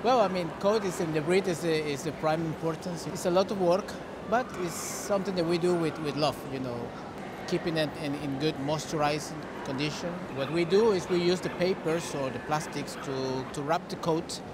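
A middle-aged Costa Rican man, a native Spanish speaker with a Costa Rican accent, answers interview questions conversationally as a dog breeder. His voice is on the high side at a normal speed. The recording is very noisy, full of the echoing din and bustle of a large, busy indoor dog show hall.

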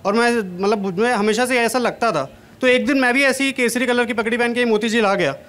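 A man's voice: extremely high pitch, fairly quick, fairly bright tone. Young man doing stand-up on a live stage. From Kanpur, India. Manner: chatty, self-deprecating punchlines. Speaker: stand-up comedian. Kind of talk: stand-up comedy set. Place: large stage at an event, indoors. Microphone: handheld mic.

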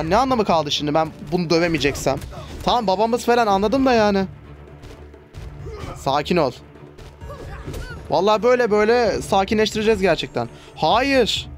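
A man hosting a gaming channel, giving chatty let's play commentary with exasperated outbursts. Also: sits high. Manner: chatty, exasperated exclamations while fighting.

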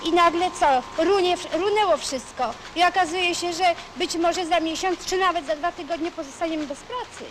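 A woman's voice: very high voice, moderate pace, few pauses. A woman factory worker speaking off the cuff in an interview, emphatic and indignant. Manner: emphatic, indignant rhetorical questioning. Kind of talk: unscripted newsreel interview. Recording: noisy factory location sound.

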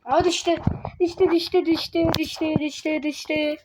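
A woman giving casual gameplay commentary, excitable, teasing other players and yelping or muttering to herself while she plays. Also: high voice, normal speed, noisy background. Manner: excitable, yelps and mutters to self while playing. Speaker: gaming video creator.

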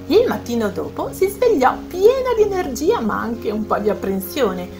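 A woman narrating a children's bedtime story, speaking directly to the young listeners. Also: a little high.

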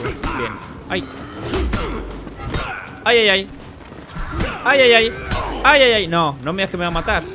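A man hosting a gaming channel, giving excitable play-by-play commentary and repeating short exclamations over and over. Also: on the high side, heavy background noise. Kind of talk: live gameplay commentary.

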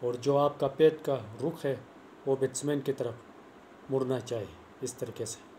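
A young man's medium-pitched, mellow voice moves at an unhurried pace as he gives a plain, repetitive, earnest cricket bowling tutorial. He's a cricket coach vlogger talking casually into a clip-on lapel mic in a small room, phone camera close. Slight background noise is present.

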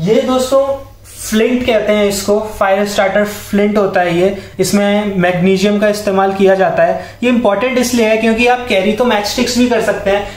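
A young adult Indian man with a high voice presents camping and hiking gear to camera, explaining each item and treating viewers as friends while mixing Hindi with English. He's in a bare home room with a wooden floor, picked up by a camera or phone a few metres away, so the sound is echoey and distant.

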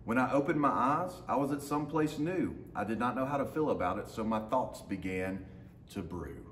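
Reading a children's picture book to his class, this teacher in his thirties speaks at normal speed in a medium-pitched, animated, fairly bright voice, pausing for brief asides to the kids. The setting is a big open indoor lounge with hard flooring, captured with spacious echo and slight background noise.

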